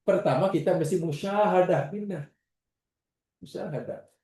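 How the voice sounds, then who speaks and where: A man with a Malaysian Malay accent teaching a religious class, lively, acting out examples and questioning his students. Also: high-pitched, normal speed. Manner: questions the class and repeats their answers. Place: classroom or prayer hall. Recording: roomy echo, distant mic.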